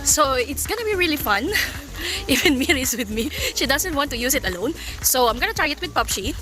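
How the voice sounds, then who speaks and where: Outdoors in a forest, a woman with a Filipino accent vlogs a product review with casual, cheerful commentary. She sounds giggly and cheerful, her high voice lively in intonation and fairly quick.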